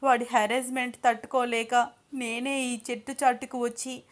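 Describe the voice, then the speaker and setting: A woman narrator doing a shaken young woman from a storybook, tearful and hesitant. She talks a little higher but softer than the storyteller's own voice, as if holding back sobs. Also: flat delivery, normal speed, lightly acted. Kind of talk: storybook character voice.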